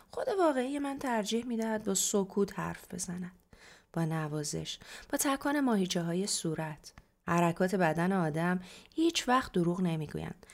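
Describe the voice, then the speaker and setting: A woman narrating a story in a calm, reflective first-person reading. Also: medium pitch, vocal fry.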